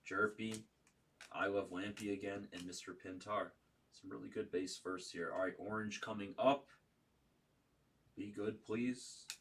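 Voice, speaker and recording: A man's voice: lowish voice, flat delivery, moderate pace, a bit bright. A man working as a card break host, giving casual running commentary and calling out names and serial numbers in short bursts. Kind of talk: casual running commentary while opening trading cards. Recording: distant mic with faint background noise.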